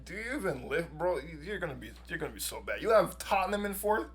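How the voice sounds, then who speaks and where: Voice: medium pitch, sing-song, fast talker. A podcast co-host in a casual sports debate who keeps heckling and interrupting with mocking jabs.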